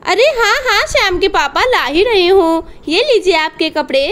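A woman voices a kind village mother in a doll storybook tale. She speaks gently and patiently, and her voice is very high. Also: lively intonation, normal speed. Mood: caring. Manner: gentle, soothing, advising.

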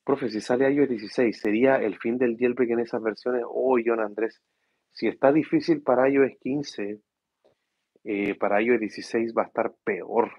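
A tired man, hosting a casual tech livestream from home and speaking softly so his sleeping kids don't wake. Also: medium pitch, fairly even intonation, normal speed, husky, dry recording, lo-fi sound. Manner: speaks softly to avoid waking his children. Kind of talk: casual live chat reading viewer questions. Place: room at home at night.

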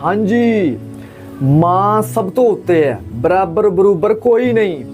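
A religious speaker from Pakistan gives an impassioned, expressive talk in a fairly high male voice, taking it slowly. He presses his audience with rhetorical questions and emphatic repetition while soft music plays faintly beneath.

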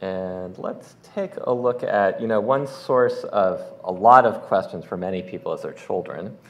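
In a lecture hall, a conference keynote speaker with a low-pitched voice gives a casual live demo presentation at a measured pace, adding wry asides.

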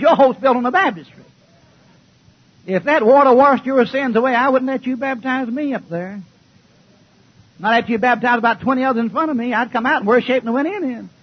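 A preacher delivers a fiery, folksy sermon in a high, husky voice, trading jokes with the church and swinging from shouts to hushed asides. The old recording sounds dull and muffled. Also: male voice, no room sound. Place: church before a congregation.

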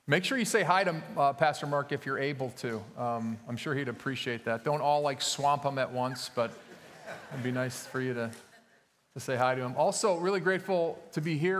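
A man's voice: fairly high pitch, a bit bright. Conversational male preacher in echoey church. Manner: conversational, with frequent fillers and self-corrections. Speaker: pastor. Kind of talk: sermon. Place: church sanctuary. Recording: long church hall reverb.

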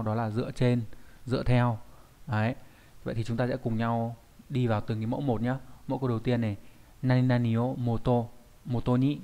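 A male teacher with a dark, mid-range voice explains a Japanese grammar point in an online lesson. He's patient, thinks aloud with small fillers, and keeps checking that students follow, often asking "đúng không?".

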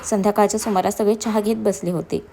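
A woman reads a serialized story aloud. Her delivery is steady and expressive. Her voice sits at a middle pitch. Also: fast talker, creaky, slight background noise. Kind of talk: scripted story narration.

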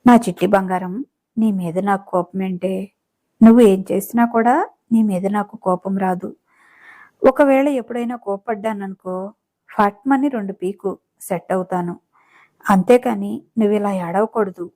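A playful young husband teases his wife with affection in this storybook romance, as a woman narrator reads his lines. The voice is mellow and warm. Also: medium pitch, normal speed, long pauses, lightly acted. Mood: teasing.

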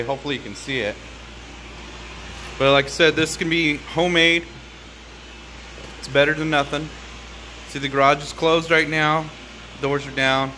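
A middle-aged hobby welder vlogger rambles through a casual welding demonstration in his closed home garage, halting often with many fillers. His voice is medium-pitched with a sharp tone. A phone camera on the bench records him, sometimes from far off, with a faint hum from the running air conditioner.

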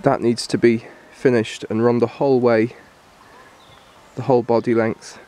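Guy doing an outdoor camp tour on his camera, mid-pitched voice, easygoing explaining, bit of faint hiss. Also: level tone, moderate pace, mellow. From Ireland. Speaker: bushcraft instructor. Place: hillside woodland outdoors.

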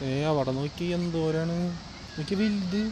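Male vlogger, high voice, curious questioning, noisy outdoor phone audio. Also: moderate pace. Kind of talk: casual travel vlog chat. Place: outdoor lakeside park at night. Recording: phone video with loud outdoor background noise.

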